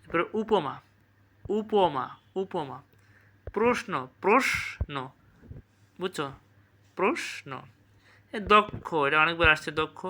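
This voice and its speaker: A man teaching an exam revision class, repeating each word slowly and checking with quick questions. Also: on the high side, lively intonation, pushed and bright, slight background noise.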